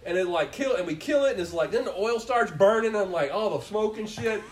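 A man's voice: high voice, animated, brisk. A man in casual chat, telling a rambling, profane story with lots of laughter.

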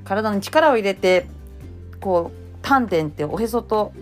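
Chatty woman with a lively, bouncing voice. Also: medium pitch, soft background music. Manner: cheerful, chatty, lots of fillers; deliberately raised, bright speaking tone. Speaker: voice blogger. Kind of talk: casual spoken advice.

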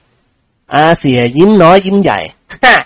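Expressive male storyteller. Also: a little high, quick pace, no room sound. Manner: lively, expressive reading. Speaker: narrator. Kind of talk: audiobook storytelling.

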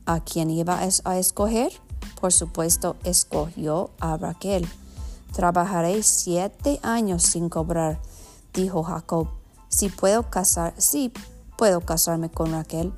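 A woman with an American accent in Spanish, a native English speaker, reading a children's storybook aloud with halting, self-corrected phrasing. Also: fairly low pitch, a little mellow, faint music behind. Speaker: storybook reader. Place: at home.

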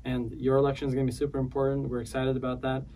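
A man from the former Soviet Union, a podcast guest, speaking earnestly and haltingly with many restarts. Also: medium pitch, completely flat delivery, dark tone, recorded from a distance, a little hiss or hum, poor audio. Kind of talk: casual interview chat.

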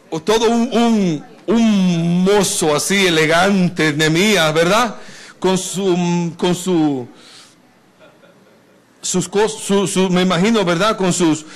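Animated Dominican preacher, fairly high voice. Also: male voice. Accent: Dominican Spanish. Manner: animated, chatty, addresses listeners by name, many restarts. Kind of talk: informal sermon.

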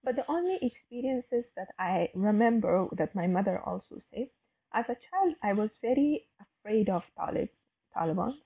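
Woman in her twenties as interview guest, hesitant and halting, husky voice, dull muffled sound. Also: medium pitch, expressive. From Afghanistan. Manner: hesitant, many fillers and restarts. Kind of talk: casual interview talk.

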